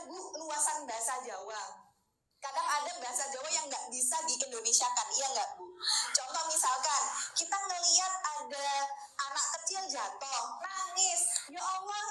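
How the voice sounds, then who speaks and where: A Javanese woman in her thirties giving an Islamic study lecture to women, chatty and often asking her listeners for agreement. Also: high-pitched. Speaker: religious teacher. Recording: echoey room with clear noise.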